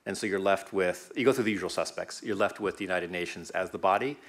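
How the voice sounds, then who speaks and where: Deep-voiced man speaking on a panel. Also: fast. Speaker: panelist and legal advisor. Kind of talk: conference panel remarks. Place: conference room with panel table. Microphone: table microphone.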